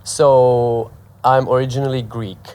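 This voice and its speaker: A man from Syria who composes film music and teaches, talking in an interview in a lively way and now and then singing tunes. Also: mid-range voice, unhurried, smooth. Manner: lively, animated, sings melodies out loud. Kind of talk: interview conversation.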